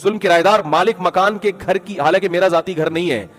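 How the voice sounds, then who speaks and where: A man's voice: high-pitched, a bit bright, soft background music. A man giving moral advice through stories, in a conversational way, often calling his listeners brother. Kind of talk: storytelling advice talk.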